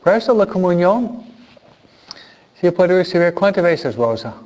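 Priest, man; slow, questioning catechism talk to kids, acts out small dialogues; muffled recording. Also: high-pitched, sing-song, a little mellow. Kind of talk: catechism talk to children and parents. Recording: dull lo-fi recording.

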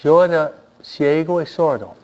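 A man preaching a sermon, animated and repeating phrases for emphasis. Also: a little high, measured pace, lo-fi sound.

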